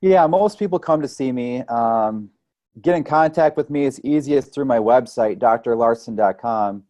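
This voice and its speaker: A man with a mid-range voice speaks at a moderate pace in a warm tone, recorded without echo. He is a podcast guest, likely a chiropractor or holistic health practitioner, and talks conversationally, explaining ideas through analogies and often checking in with "right?".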